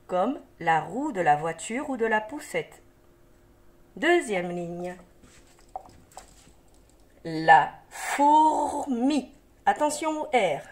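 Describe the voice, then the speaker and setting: Teacher lady reading syllables super slow for little kids, sing-songy up and down, patient and encouraging. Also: medium pitch, big pitch swings. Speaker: primary school teacher. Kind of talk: slow, clear reading lesson for young children.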